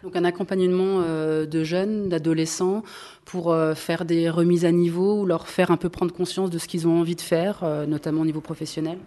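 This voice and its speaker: A woman reporting for a radio feature and asking interview questions, in a clear, summarizing way. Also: lowish voice, flat delivery, normal speed, dark tone.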